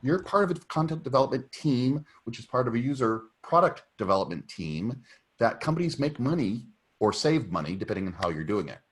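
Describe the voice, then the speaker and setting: A man's voice: medium pitch, big pitch swings, brisk. A man speaking on a video call, giving emphatic career advice with many restarts. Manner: emphatic, advising, with fillers and restarts. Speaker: technical writer at a meetup. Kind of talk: casual video call discussion.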